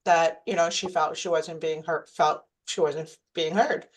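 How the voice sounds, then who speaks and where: A woman's voice: low-pitched, steady tone, unhurried. A woman taking part in a workshop, candidly describing a practice exercise and asking the trainer direct questions. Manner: candid, asks direct questions, talks with filler. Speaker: workshop participant. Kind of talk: discussion in a training session.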